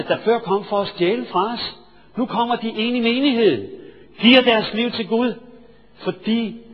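A male preacher telling a sermon story, swinging from hushed asides to loud, excited storytelling. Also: sits high, slightly rough. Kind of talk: sermon with anecdote. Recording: reverberant hall, dull lo-fi sound.

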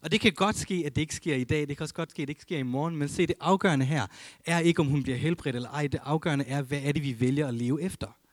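A man preaching a sermon as a pastor, earnest, rising to emphasis and dropping to a hush, reading scripture aloud. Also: on the high side, no room sound. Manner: earnest, swings between emphatic and hushed.

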